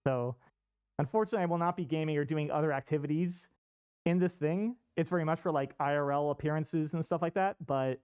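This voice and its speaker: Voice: medium pitch, a little fast, clear, resonant tone, dry recording. Muffled, chatty streamer speaking from inside a costume head. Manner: informal, chatty, rambling. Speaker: livestream host. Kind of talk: casual chat. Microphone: off-costume streaming microphone.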